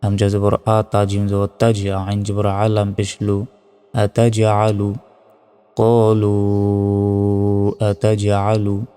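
A male Quran teacher with a low, resonant voice, patiently spelling out letters and vowel marks before chanting each word in a slow, drawn-out way. His delivery stays flat and mellow, and the sound carries a long reverb with faint music underneath. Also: clear, resonant tone. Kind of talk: step-by-step recitation lesson.

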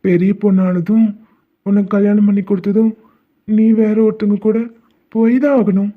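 A man's voice: high-pitched, level tone, moderate pace, close to an everyday voice. Guy voicing a young cartoon orphan, sad and pleading, sounds like it's over a phone line. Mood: sorrowful. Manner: pleading, tearful. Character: young male student, sensitive orphan. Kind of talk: animated cartoon voice acting.

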